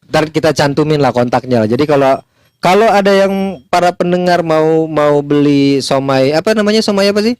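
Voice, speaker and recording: A man's voice: a little high, lively intonation, darkish tone, clear, resonant tone, dry recording. A man hosting a casual podcast, asking questions and joking with the guests. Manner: joking, quick to laugh, asks questions. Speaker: podcast host.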